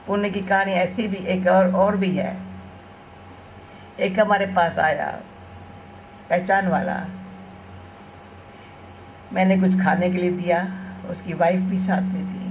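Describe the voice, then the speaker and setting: An older woman, a spiritual teacher, telling homely anecdotes in a gentle spiritual talk, often ending lines with a soft "na". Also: lowish voice. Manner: homely storytelling, tag questions with "na". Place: event gathering. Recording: dull lo-fi recording with faint hiss.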